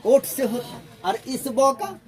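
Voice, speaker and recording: A man's voice: very high-pitched, lively intonation, unhurried, a little mellow, soft background music. A man teaching a grammar class, who keeps asking his students questions and drilling the same points again and again.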